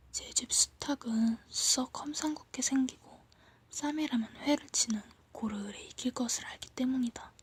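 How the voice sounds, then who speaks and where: A woman reads a story aloud for ASMR. She whispers as if leaning in close, soft and hushed. Her voice is almost all breath, with very little voiced tone. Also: a little high, breathy edge. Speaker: ASMR reader.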